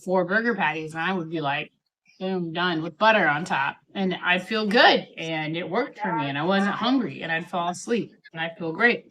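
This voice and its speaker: A woman's voice: on the low side, lively intonation, moderate pace, few pauses, a bit bright, low-quality recording. Chatty woman talking over a steak dinner. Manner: chatty, rambling, self-quoting. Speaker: vlogger. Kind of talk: casual chat to camera.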